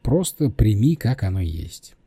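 A man's voice: fairly low pitch, big pitch swings, a little slow, dark tone, husky, no echo, full character voice. A man voicing a curt, impatient young man who gives orders, in an audiobook. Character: irritable, commanding young man.

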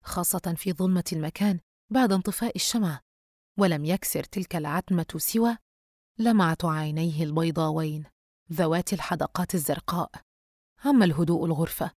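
A woman narrating a horror audiobook in a steady, even storytelling manner. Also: fairly low pitch, no echo, clean studio sound.

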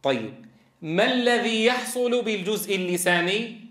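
A male Quran recitation teacher with a high voice lectures to a class. He asks his students questions and stretches sounds out slowly to demonstrate them. The room is echoey. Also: lively intonation, a bit bright. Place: classroom with a board.

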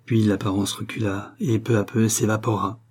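Low, husky male storyteller. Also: fairly even intonation, a little mellow. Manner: measured literary reading. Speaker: audiobook reader. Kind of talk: scripted narration.

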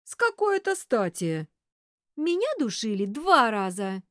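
A woman's voice: fairly high pitch, sing-song, a little slow, a bit bright, dry recording, studio quality, pitched above the performer's own voice. A woman voicing a sly, vengeful young woman in a theatrical, mocking way. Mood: stubborn.

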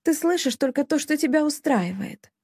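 Give me a woman playing a scared yet defiant young bride in an audiobook romance. She sounds tense and pleading and sits higher than the narrator. The tone stays warm and the recording is dry. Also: expressive, normal speed, no room sound. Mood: взволнованно.

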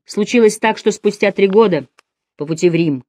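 A woman narrating an audiobook in a measured, dramatic reading. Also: medium pitch, mellow, no room sound.

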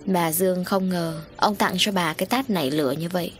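A woman narrating an audiobook story in an even, plain storytelling voice. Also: fairly low pitch, fairly quick, a little hiss or hum.

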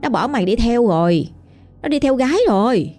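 A woman's voice: fairly high pitch, expressive, fairly quick, darkish tone, soft background music, lightly acted. A woman voicing a female spirit that taunts a heartbroken listener and coaxes them toward death, her voice echoing and insistent. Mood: taunting. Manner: taunting, coaxing. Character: echoing female spirit luring someone to die.

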